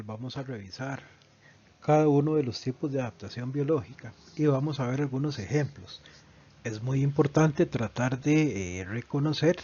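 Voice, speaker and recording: A man's voice: mid-range voice, darkish tone, breathy edge. A man teaching a biology lesson, explaining patiently and often checking in with the listener. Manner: patient, explanatory, often asks a tag question. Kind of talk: recorded online lesson. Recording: dull lo-fi, dry voice recording.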